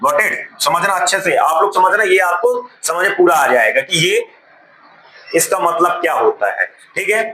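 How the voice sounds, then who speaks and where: A man's voice: high voice, animated, normal speed, sharp tone. A man teaching a spoken English class, asking the class questions and repeating key words. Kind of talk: classroom lesson. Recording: echoey classroom with faint noise.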